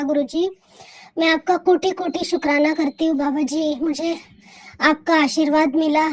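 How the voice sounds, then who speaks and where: A woman's voice: high-pitched, darkish tone. A woman sharing a heartfelt devotional testimony, repeating her thanks again and again. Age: adult.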